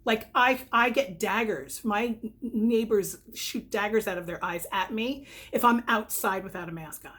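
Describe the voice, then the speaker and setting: This New York-based vlogger and direct-sales consultant, a middle-aged woman, reviews products in a loose, candid ramble, often correcting herself mid-thought. She talks at a normal speed with few pauses, in a medium-pitched, fairly bright voice with a breathy edge. Her s sounds come out whistling and a bit spitty.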